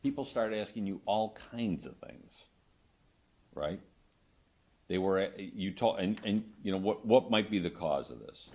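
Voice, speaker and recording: In court, a male attorney questions a witness in a conversational, halting way, looking for confirmation. He has a deep voice with lively intonation and a darkish tone.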